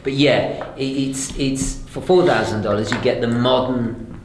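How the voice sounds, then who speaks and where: A man's voice: medium pitch, unhurried, echoey room, noisy background. Chatty man hosting a watch chat. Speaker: host. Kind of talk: casual chat.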